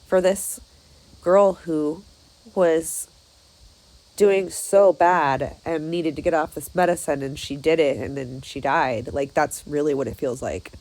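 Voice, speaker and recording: A woman in her thirties, losing her voice, talking haltingly with many fillers in a personal vlog. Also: sits low, darkish tone, rough recording. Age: 30s. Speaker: vlogger.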